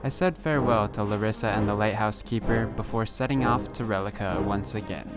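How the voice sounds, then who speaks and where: A man narrating a scripted adventure in character as a storyteller, with measured, theatrical delivery. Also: on the low side, loud music behind the voice.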